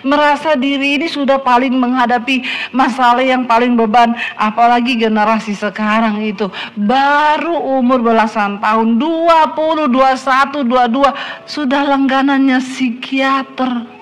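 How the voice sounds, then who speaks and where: A middle-aged woman pastor preaching a sermon, telling a story lively and with teasing asides. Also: high-pitched, measured pace.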